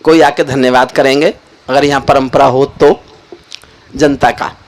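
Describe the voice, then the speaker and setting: An older man, a poet, telling jokes and stories to a live audience with animated, expressive delivery. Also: medium pitch, measured pace, slight background noise. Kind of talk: stage poetry and joke telling to a live audience. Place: live event stage.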